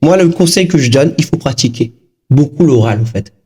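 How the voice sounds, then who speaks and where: A man in his thirties from Togo, a guest talking casually in an interview, lively and full of fillers. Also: a little high, fairly quick, husky. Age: 30s. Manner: animated, lively storytelling with frequent fillers.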